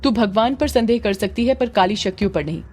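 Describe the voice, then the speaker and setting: A woman's voice: medium pitch, brisk, darkish tone, faint music behind, natural voice. A woman voicing a harsh, scheming middle-aged mother who scolds and orders her daughter about. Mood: scolding. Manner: scolding, commanding.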